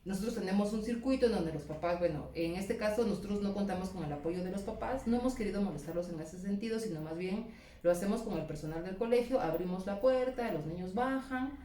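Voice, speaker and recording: A woman school principal, telling a personal story in a lively way and voicing the people she quotes. Her voice is mellow and warm. It is recorded with a roomy echo, a little away from the mic. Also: medium pitch, fast, far from the mic, a little hiss or hum. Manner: animated storytelling, acting out quoted exchanges. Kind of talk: recounting a personal anecdote.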